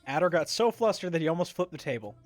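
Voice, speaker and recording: A man's voice: a little high, sing-song, fast talker, faint music behind. Man reading a visual novel aloud. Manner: wry narration with asides. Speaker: streamer narrating a game.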